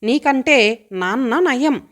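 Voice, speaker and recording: Female narrator doing a defiant student girl, fast retorts, slightly high voice. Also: expressive. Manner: bold, mocking, quick retorts. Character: headstrong teasing college girl.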